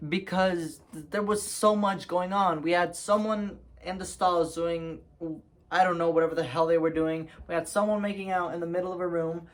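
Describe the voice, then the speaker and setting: A man's voice: sits high, fairly even intonation, normal speed. A young man telling a story to camera in a casual, rambling way, with lots of ums and restarts. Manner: rambling, lots of fillers and restarts, laughs at himself.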